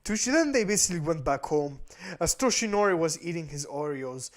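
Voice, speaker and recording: A man's voice: fairly high pitch, expressive, brisk. A man telling a fan story off the cuff, rambling and leaning on fillers. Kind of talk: casual improvised storytelling.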